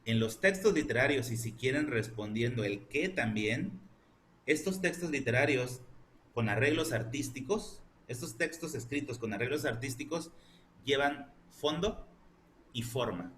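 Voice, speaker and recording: Guy teaching a lit class, mid pitch, asks lots of questions, bit of background hiss. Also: lively intonation, a little slow, a bit bright. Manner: explanatory, asks rhetorical questions. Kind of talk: online class lecture.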